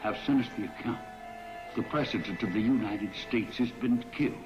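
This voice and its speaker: A man's voice: on the low side, moderate pace. An actor playing a grave male announcer reading an emergency bulletin in an old newsreel-style broadcast, with formal, solemn delivery. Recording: dull lo-fi old film soundtrack with music.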